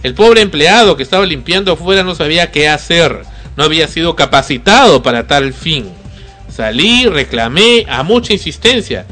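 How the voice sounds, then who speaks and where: A man's voice: a little high, animated, normal speed, bright, forceful tone, soft background music. A man, hosting a talk show and telling a story with indignation and rhetorical questions. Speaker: podcast host.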